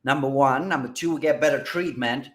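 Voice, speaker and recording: A man hosting casual business commentary on advertising, energetic and excitable, often checking in with "all right?" and "guys". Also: medium pitch, a little fast, reverberant. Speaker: marketing host.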